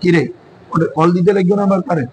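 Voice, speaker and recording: Man, teacher, high-pitched, classroom lesson, asks questions, light background noise. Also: steady tone, quick pace. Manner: quizzing students with repeated questions.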